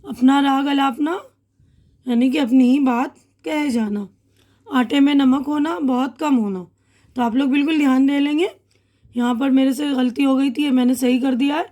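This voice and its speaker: A woman's voice: high-pitched, steady tone, warm tone. A woman teacher with an Indian Urdu accent, patiently explaining a school lesson to children and correcting her own slips. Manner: patient, repeats and corrects herself.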